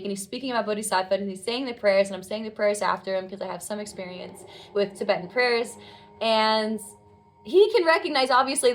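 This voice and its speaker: A woman in her twenties telling a personal story in an earnest, heartfelt, reflective way. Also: a little high. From United States. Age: 20s. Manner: earnest, heartfelt, reflective, acts out quoted dialogue. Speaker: vlogger.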